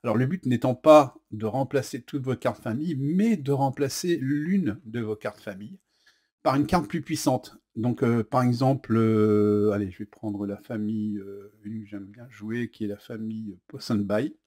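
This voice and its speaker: A man's voice: medium pitch, moderate pace, a little mellow. Chatty French man demoing a board game. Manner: chatty, says "hop" as he flips cards; hesitant, many fillers. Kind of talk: casual unboxing and rules demo.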